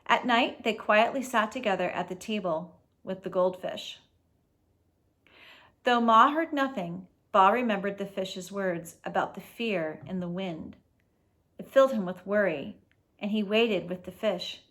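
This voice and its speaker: A woman hosts a storybook reading aloud, her medium-pitched voice expressive and a little slow. She explains things casually, as though to young listeners.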